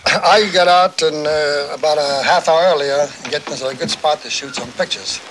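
A distressed man giving a halting eyewitness account in a live television interview. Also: fairly high pitch, fairly even intonation, a bit bright, low-quality recording. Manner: halting, hesitant. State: shaken, distressed. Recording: 1960s live television broadcast with background noise.

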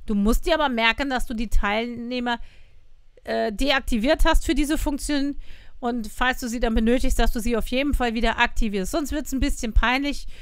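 A woman's voice: on the high side, normal speed, smooth, dry recording. A woman trainer giving a casual, chatty tutorial, often acting out what participants might say. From Germany. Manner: chatty, acts out quoted participants. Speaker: online trainer.

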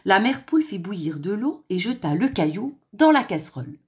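A woman storyteller reading a children's picture book aloud, in an expressive and lively manner. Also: mid-range voice, a little fast.

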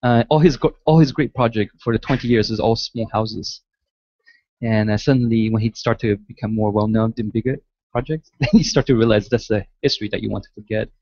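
A man's voice: lowish voice, brisk, a little mellow, no room sound. Hesitant man answering questions, dull lo-fi sound. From Malaysia, raised in the United States. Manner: hesitant, many restarts and fillers. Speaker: guest architect lecturer. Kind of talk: answering audience questions at a lecture. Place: large lecture hall.

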